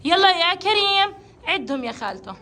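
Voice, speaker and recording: A woman leads young children through a counting lesson, coaxing and praising each one. Her voice sits very high and sounds bright and clear, with a faint hum of room noise behind her. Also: big pitch swings, brisk. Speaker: kindergarten teacher. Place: classroom.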